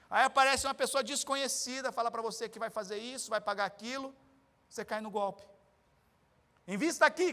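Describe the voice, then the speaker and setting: A male pastor with a Brazilian Portuguese accent preaching a sermon in a church, animated and jokey as he acts out everyday scenes. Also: very high voice, long reverb tail.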